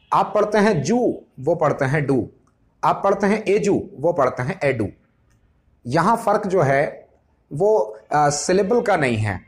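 Man, english teacher, fairly high voice, slow deliberate explaining. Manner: slows down and stretches words when explaining English terms. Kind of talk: explanatory lesson.

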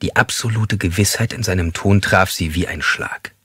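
A man reading a thriller audiobook in an even, measured way. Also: low-pitched, husky, dry recording, clean studio sound. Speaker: audiobook narrator. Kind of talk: scripted thriller narration.

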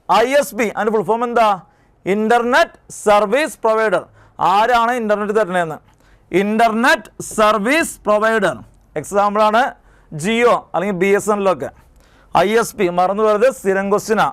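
Male tutor, high smooth voice, quizzes and repeats. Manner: drills terms by asking and repeating them. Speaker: exam coaching teacher. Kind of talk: exam prep lesson.

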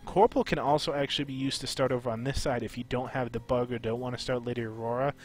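A man talking through game tactics in a home voice-over, his voice a little off while he gets over being sick. He explains things in a relaxed, loose way, with plenty of "uh"s and restarts, at an ordinary pitch for a man. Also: fast talker. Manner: relaxed, explanatory, with frequent fillers. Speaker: gaming channel host. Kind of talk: casual game strategy tutorial.

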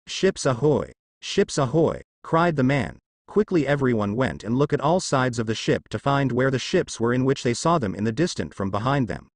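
A man narrating a fan-written story as a steady read-aloud. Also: medium pitch, dry recording, clean studio sound. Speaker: fanfiction narrator. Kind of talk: scripted narration.

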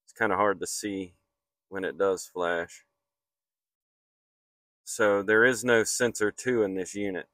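A man's voice: lowish voice, a bit bright, dry recording, clean studio sound. A man working as an HVAC technician, explaining a repair step by step in a matter-of-fact way while he works outdoors on a rooftop, filmed on a handheld phone. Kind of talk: hands-on repair walkthrough. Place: outdoors on a flat commercial rooftop.

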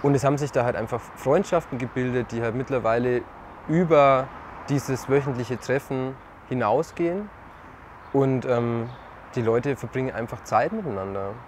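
Young male youth worker, relaxed casual talk, outdoor courtyard, audible street noise. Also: medium pitch, normal speed. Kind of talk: documentary interview.

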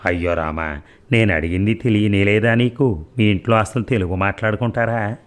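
A man's voice: fairly low pitch, moderate pace, a bit bright, close to an everyday voice. A man reading the part of a nosy, blunt older village woman who fires off prying questions in a storybook. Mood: scolding.

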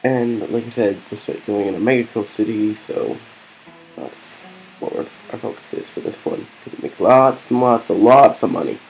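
A man's voice: fairly low pitch, normal speed, creaky, darkish tone, faint music behind. A man giving casual, rambling commentary while playing a video game, often hesitating with fillers. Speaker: let's play gamer.

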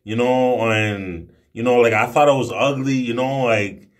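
In a small indoor room, a man in his twenties vlogs casually to a phone held at arm's length. His medium-pitched voice is unhurried. He talks in a brash, emphatic, slangy way and swears heavily.

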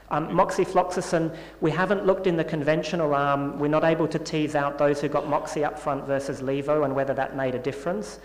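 A man giving a scientific conference talk and answering questions in a measured, explanatory way. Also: on the high side. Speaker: conference presenter. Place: conference hall. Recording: echoey conference hall with long reverb.

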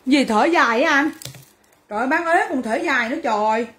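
A woman's voice: high-pitched, a little fast, a bit bright, echoey room. A woman selling clothes on a livestream, brash and teasing as she banters with viewers. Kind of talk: livestream sales chat.

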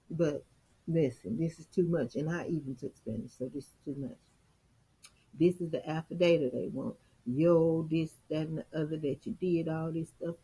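A woman, speaking casually into her laptop mic at a home desk. Her voice sits low, with a mellow, husky edge. She sounds exasperated as she talks straight to viewers. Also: low-quality recording. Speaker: vlogger and salon coach. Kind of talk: casual screen-share commentary.

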